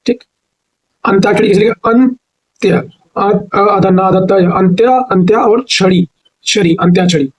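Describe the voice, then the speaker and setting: A male teacher with a North Indian Hindi accent giving an exam-prep grammar lesson, asking questions and answering them himself, slowly spelling words out syllable by syllable. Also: high voice, rough recording. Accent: Hindi-speaking North India.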